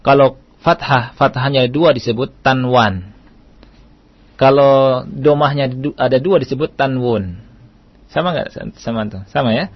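Slow-paced male radio teacher, dull broadcast. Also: mid-range voice, no echo. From Indonesia. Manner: patient, repeats key points, chants Arabic verses slowly. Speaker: Quran recitation teacher on radio. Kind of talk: radio lesson.

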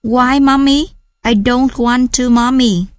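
A woman's voice: sits high, fairly even intonation, slow, dry recording, clean studio sound, pitched above the performer's own voice. A woman voicing a playful, stubborn seven-year-old child who chatters eagerly and pleads. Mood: whiny.

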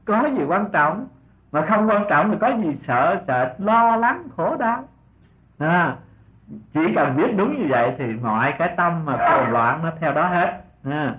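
An older man giving an unhurried Buddhist sermon as a monk teacher, often asking his listeners rhetorical questions and chuckling softly. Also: fairly high pitch, animated, a little hiss or hum. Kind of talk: dharma talk sermon. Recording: tinny lo-fi old recording.

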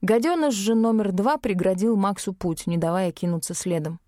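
A woman narrating an audiobook in an even, clear storytelling manner. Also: mid-range voice, normal speed, dry recording, clean studio sound.

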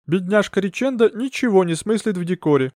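A man's voice: sits high, expressive, a little fast, darkish tone, no echo, studio quality, voice pushed up. A man voicing a theatrical female spirit medium who speaks in an affected, mysterious way. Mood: haughty.

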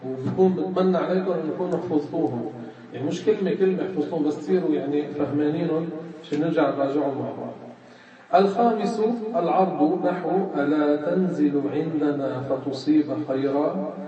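A man's voice: a little high, fast talker. A man with a Levantine Arabic accent teaching a religious lesson, explaining step by step and quizzing his students. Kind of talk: classroom lesson on grammar and creed. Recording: echoey room from far off, muffled, crowd.

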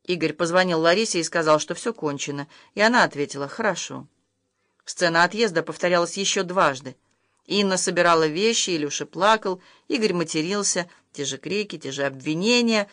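A narrator reading a family drama story aloud in a steady, matter-of-fact way. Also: medium pitch, fairly quick, dry recording, studio quality. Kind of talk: audiobook narration.

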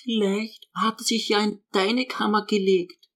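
A meek young woman in a storybook reading, high and hushed, as a man puts her on. She speaks softly and flatly, a little away from the mic. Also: a little slow, heavily acted. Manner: soft, hushed and flat.

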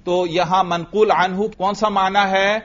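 A man's voice: high-pitched, flat delivery, fairly bright tone, lo-fi sound. A man teaching a lecture class, explaining step by step and asking himself questions before answering them. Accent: Urdu. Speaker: teacher of Arabic grammar.

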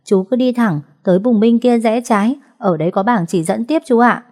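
A woman doing a little girl, high and pleading. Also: normal speed, mellow, close to an everyday voice. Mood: polite. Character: sweet little girl about six, tearful.

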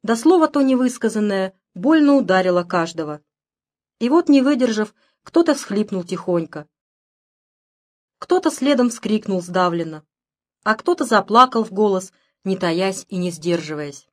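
A woman narrating an audiobook in a measured, expressive storytelling manner. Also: mid-range voice.

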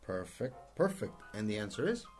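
A man's voice: fairly low pitch, sing-song, unhurried, darkish tone, soft background music. A man hosting a radio English lesson, prompting his students in a playful, joking way. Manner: playful, prompting, laughs often. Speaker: radio English teacher and host. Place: radio studio.

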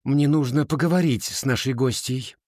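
A man's voice: mid-range voice, normal speed, darkish tone, dry recording, studio quality, close to an everyday voice. A man reading aloud, voicing a guarded, evasive older woman who owns a perfume shop in a storybook.

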